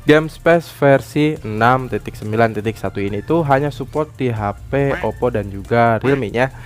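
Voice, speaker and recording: Speaking at normal speed in a mid-range voice, a man walks viewers through an app, tacking a short "ya" onto many sentences. Background music runs under this tech YouTuber's explanatory narration.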